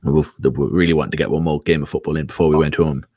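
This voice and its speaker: A man in his forties, co-hosting a casual podcast chat, telling rambling stories with halting restarts and frequent laughs. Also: very deep voice, fairly even intonation, mellow, dry recording, studio quality. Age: 40s. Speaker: podcast co-host.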